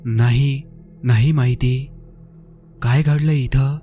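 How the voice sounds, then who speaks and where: A curious young traveler, voiced by a male narrator keeps asking questions in a mellow, even voice. Soft music plays faintly behind. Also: mid-range voice, normal speed, natural voice. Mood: nervous. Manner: asks questions.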